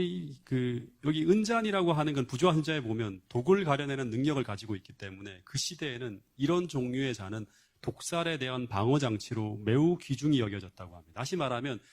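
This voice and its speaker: A man's voice: mid-range voice, a little mellow. Man preaching an emphatic Bible story. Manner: storytelling with rhetorical questions and frequent "yes" interjections. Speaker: pastor. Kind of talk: sermon.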